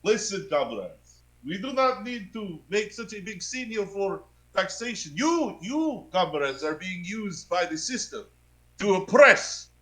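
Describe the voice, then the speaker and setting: A man's voice: high-pitched, sing-song, measured pace, a bit bright, pitched above the performer's own voice, full character voice. A man playing an earnest revolutionary agitator in a tabletop game, making rousing, pleading appeals.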